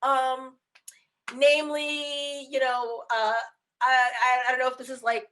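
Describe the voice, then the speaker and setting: A woman's voice: sits high, level tone, measured pace, fairly bright tone. A woman guest author chatting candidly on a video call, leaning on filler words and restarts. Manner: frank, candid. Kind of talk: casual chat on video call.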